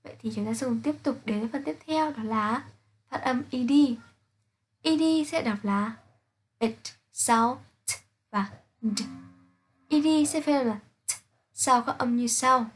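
A woman teaching an English pronunciation lesson, reading out sounds and example words slowly and carefully to her students. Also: a little high, husky. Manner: slow, careful, spelling out sounds one by one.

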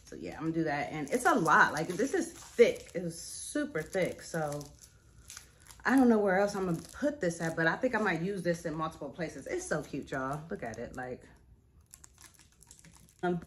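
Chatty young woman vlogging, lots of y'all. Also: medium pitch. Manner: chatty, says "like" and "y'all" a lot. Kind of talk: casual vlog chat to camera. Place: apartment at home, then a store.

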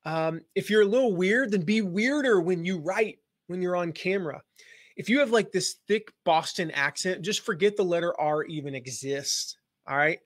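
An online business coach from the Southern United States gives a casual live-stream lesson in a voice that sits high at normal speed. He rambles and jokes, full of fillers and restarts, in a dry, studio-quality recording.

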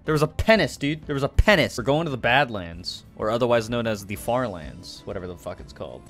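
A young man giving casual let's-play commentary, sarcastic and crude, breaking into loud outbursts. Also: medium pitch, big pitch swings, brisk, faint music behind. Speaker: gaming YouTuber.

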